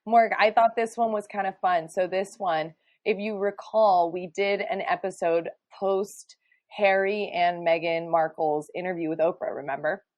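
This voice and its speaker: A woman's voice: lowish voice, steady tone, normal speed, no echo. A woman co-hosting a podcast in casual, playful, teasing chat. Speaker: podcast co-host.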